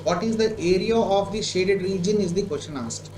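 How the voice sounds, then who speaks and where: A man's voice: high-pitched, normal speed. A man with an Indian accent teaching a live online maths lesson, working a problem aloud, repeating himself and asking checking questions. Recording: echoey room with clear background noise.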